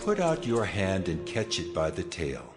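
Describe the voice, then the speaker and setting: An actor playing a solemn, commanding, almighty God in a dramatized scripture audio production, declaiming with authority through a cavernous reverb. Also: male voice, sits low, huge pitch swings, measured pace, heavily acted. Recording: long reverb over loud music.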